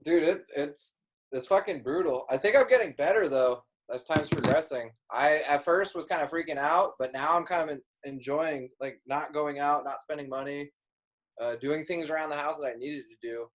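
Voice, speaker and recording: A man's voice: on the high side, moderate pace. A man co-hosting a podcast over a video call, talking bluntly, joking and swearing a lot. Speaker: podcast co-host. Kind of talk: casual chat.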